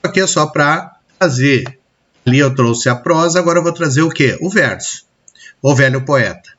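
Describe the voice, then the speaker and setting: A man's voice: a little high, expressive, moderate pace, fairly bright tone, husky. Brazilian man teaching a dull lo-fi lesson. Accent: Brazilian Portuguese. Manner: explanatory, checks in with frequent "tá?" and "ok?". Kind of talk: recorded lesson on poetry.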